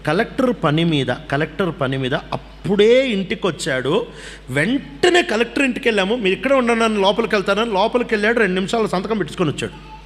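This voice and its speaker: Man preaching in a reverberant hall. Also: quick pace. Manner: animated storyteller, acts out dialogue, pitch swings widely. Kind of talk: sermon testimony storytelling. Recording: long hall reverb with faint background hum.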